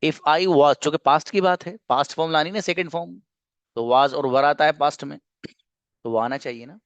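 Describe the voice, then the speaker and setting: A man's voice: a little high, moderate pace, dry recording, dull audio. Playful man teaching grammar. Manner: playful, explains with jokes and mock dialogues. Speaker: English teacher. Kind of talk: classroom grammar lesson.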